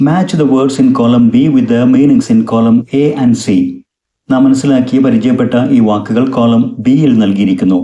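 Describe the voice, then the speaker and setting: Mellow-voiced man teaching English slowly. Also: mid-range voice, echoey room, highs cut off. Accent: Malayali English. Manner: explains slowly, reads English lines slowly, then explains them in Malayalam. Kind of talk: recorded classroom lesson.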